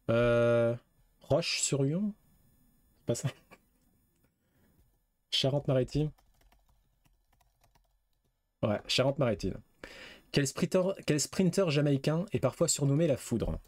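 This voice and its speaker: Male streamer, mid-pitched, talks through quiz guesses aloud, dry close sound. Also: a little mellow, no room sound. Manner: reads questions aloud, guesses, swears casually. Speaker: gaming streamer. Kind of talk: casual live quiz game commentary.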